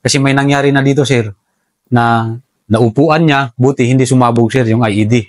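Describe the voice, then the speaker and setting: A soldier telling how the enemy operated, in a relaxed interview, respectfully calling his listener sir throughout. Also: mid-range voice, moderate pace, dry recording. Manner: respectful, says "sir" constantly. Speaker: soldier recounting enemy tactics. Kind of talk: casual interview storytelling.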